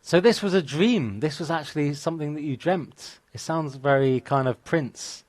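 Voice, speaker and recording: A man's voice: on the high side, moderate pace, dry recording. A man hosting a live online music show over a video call, asking rambling questions in a chatty way. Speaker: host.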